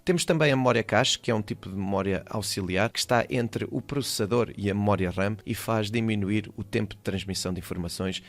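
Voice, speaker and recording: A man's voice: lowish voice, brisk, few pauses. A man with a European Portuguese accent reading a voice-over for a school project, explaining computer terms one by one. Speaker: teacher.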